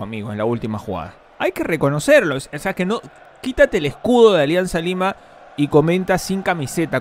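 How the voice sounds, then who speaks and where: A man giving live halftime football commentary, opinionated and animated, arguing with viewers and reading out their messages. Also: on the high side. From Peru.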